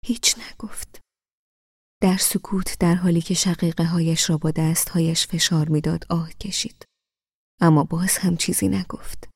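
Soft-spoken, husky woman narrator. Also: fairly low pitch, steady tone, dry recording, clean studio sound. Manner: soft, often near a whisper. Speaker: audiobook reader. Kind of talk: first-person novel narration.

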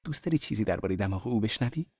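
A man reading an audiobook, voicing a playful young woman who speaks in hushed, breathy tones. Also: fairly low pitch, expressive, no echo, studio quality. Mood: whispering.

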